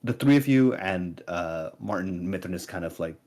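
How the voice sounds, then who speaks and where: Young man game master, casual and halting. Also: low-pitched, expressive, darkish tone. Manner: casual, halting, many fillers. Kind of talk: narrating a tabletop game.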